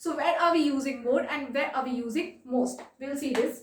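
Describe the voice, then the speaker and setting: A woman teaching a grammar lesson, patiently repeating points and checking in with quick questions. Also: sits high, far from the mic, a little hiss or hum. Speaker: exam-prep English teacher. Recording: echoey room, voice set back from the mic.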